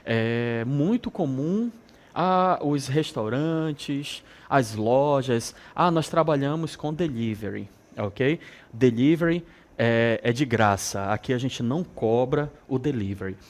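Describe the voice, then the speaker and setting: A man from northern Brazil with a regional accent, teaching an English lesson to students and repeating words slowly with frequent check-ins. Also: mid-range voice, lively intonation. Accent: northern Brazilian Portuguese. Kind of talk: televised school lesson.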